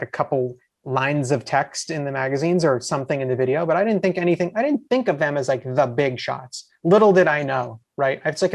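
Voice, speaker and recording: A man in his forties from the USA, a podcast guest, telling rambling, excited stories in casual chat and acting out his own lines. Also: medium pitch. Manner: excited, rambling, quotes himself.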